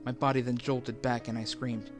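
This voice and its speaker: A man reads a first-person horror story at an even, somber pace, his voice sitting mid-range for a man. Soft music plays low underneath. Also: normal speed. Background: faint background music.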